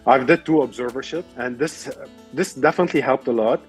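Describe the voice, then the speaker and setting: Young guy, kinda husky, lots of um and uh while explaining. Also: mid-range voice, a little fast, faint music behind. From Lebanon. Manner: explanatory, many fillers and restarts. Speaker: guest, medical resident. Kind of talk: casual interview answers.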